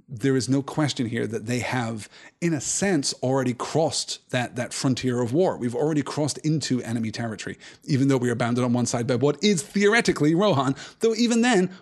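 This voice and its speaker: A man's voice: mid-range voice, darkish tone. A man hosting a live book-reading stream, reading aloud and thoughtfully digressing to answer chat comments.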